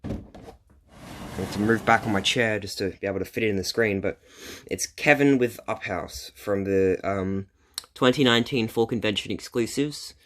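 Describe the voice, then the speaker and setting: A young man with a lowish, fairly bright voice talks at normal speed while hosting a video countdown of the top ten items in his collection. He keeps it casual and drops in self-deprecating asides.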